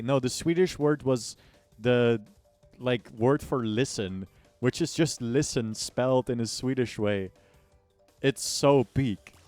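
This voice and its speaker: A mellow, mid-range male voice, recorded with no room sound, belongs to an American game streamer chatting casually during a livestream. He jokes in slang and complains with mock exaggeration while music plays behind him.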